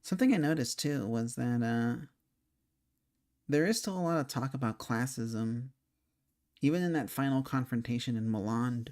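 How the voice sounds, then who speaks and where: A man's voice: medium pitch, normal speed, a little mellow. A young man talking casually about a video game, rambling and thinking aloud with many fillers and restarts, hiccuping now and then. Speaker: game commentator. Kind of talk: casual spoken game discussion.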